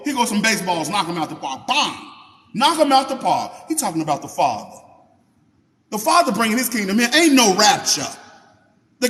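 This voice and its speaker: A man reading scripture slowly and then preaching in casual asides, talking to viewers by name and asking them questions. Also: extremely high pitch, a bit bright, big-room sound. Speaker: Bible teacher on a livestream. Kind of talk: informal Bible reading and preaching.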